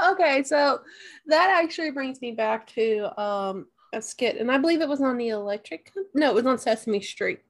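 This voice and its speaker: A woman co-hosting a casual podcast, giggling and telling stories in a relaxed way. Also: a little high, moderate pace.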